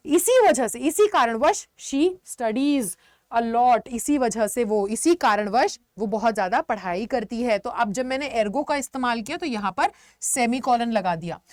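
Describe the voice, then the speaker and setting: A woman teacher explaining vocabulary in an online lesson, mixing Hindi with words and giving lively examples. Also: a little high, moderate pace, no room sound, clean studio sound. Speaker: English teacher.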